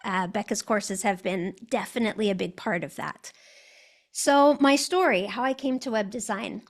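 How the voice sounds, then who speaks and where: A woman's voice: mid-range voice, normal speed. A woman with an American accent, a guest telling her story in an interview, articulate and reflective.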